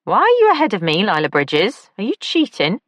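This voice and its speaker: A woman's voice: medium pitch, wildly swooping pitch, a little fast, a bit bright, no room sound, pitched above the performer's own voice. A woman voicing a flamboyant, playful young male pastry chef in an audiobook. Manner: playful, camp, teasing.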